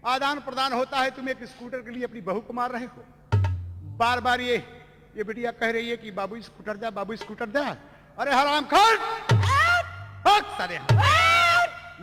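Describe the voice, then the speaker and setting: A man playing a furious dacoit chief. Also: extremely high pitch. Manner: harsh, scolding, shouting. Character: fierce male dacoit chief, angry and righteous. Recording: echoey stage recording with music.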